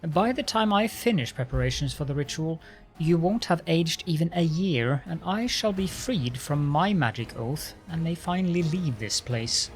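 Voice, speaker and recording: A man's voice: a little high, animated, measured pace. An arrogant, sneering undead lich lord acted out by a man from a fantasy game. He speaks with haughty command and imperious disdain, over a bed of music. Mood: arrogant, gloating. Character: arrogant undead lich, lordly old military master. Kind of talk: dramatic voiced game dialogue.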